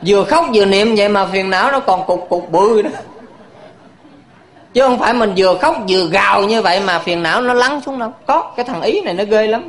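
Playful high-voiced monk giving a sermon. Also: male voice, a bit bright. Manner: playful, laughing, addresses audience with questions. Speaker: Buddhist monk teacher. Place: temple hall with audience.

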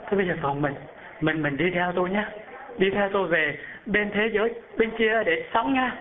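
A man's voice: high voice, normal speed, voice pushed up, close to an everyday voice. A man voicing a dying old husband who pleads and laments with his wives, heard over a phone-like narrow band. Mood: pleading.

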